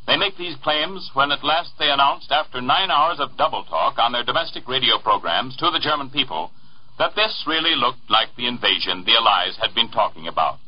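A man's voice: mid-range voice, lively intonation, fairly quick, husky. American man, muffled 1940s newsreel-style radio newscaster. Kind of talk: 1940s wartime radio news bulletin, old newsreel manner.

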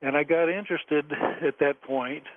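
A man in his seventies calling in to a radio show over the phone, speaking haltingly and chuckling often between phrases. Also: fairly high pitch. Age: 70s. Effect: caller heard over a phone line. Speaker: caller to a late-night radio show. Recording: tinny phone line with faint noise.

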